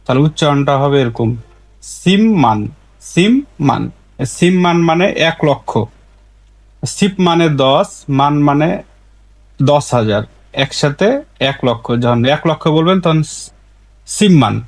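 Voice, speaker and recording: A man teaching a language lesson, patiently explaining rules and slowly repeating each example word twice. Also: fairly high pitch. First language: Bengali.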